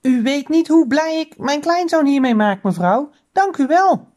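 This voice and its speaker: A woman voicing a kind grandfather in a children's story, speaking gratefully in a raised, lively voice. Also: sits high, moderate pace, voice pushed up, heavily acted. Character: kind grandfather thanking shop lady.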